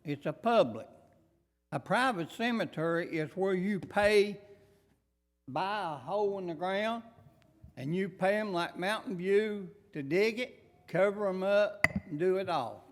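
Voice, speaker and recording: High-voiced older man with an Appalachian accent. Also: lively intonation, measured pace. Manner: folksy, plain-spoken, nonstandard rural grammar. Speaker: local resident addressing the court. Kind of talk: public comment at a county meeting. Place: large public meeting room. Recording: echoey meeting hall.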